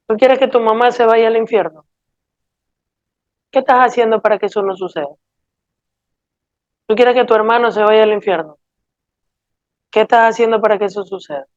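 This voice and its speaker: A woman preaches with a fairly high voice, earnest and pleading as she presses rhetorical questions on her listeners. The sound is dull and lo-fi. The room is dry, with no echo. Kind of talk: sermon.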